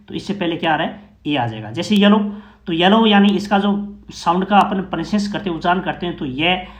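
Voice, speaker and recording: A man's voice: sits high, roomy sound, highs cut off. A man explaining English grammar to learners in Hindi, patient and repetitive, often asking rhetorical questions and checking that his listeners follow.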